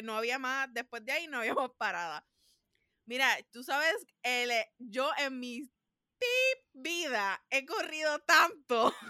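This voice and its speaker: Podcast co-host, woman, animated storyteller, smooth high voice. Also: dry recording, clean studio sound. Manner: animated, laughs often, acts out quotes. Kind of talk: casual storytelling chat.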